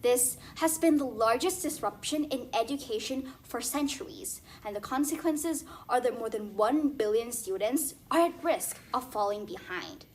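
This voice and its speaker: A young woman competing in a speech contest, delivering a formal, rehearsed speech in a stiff, memorized way with deliberate emphasis. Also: fairly high pitch, animated, a little hiss or hum. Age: young adult.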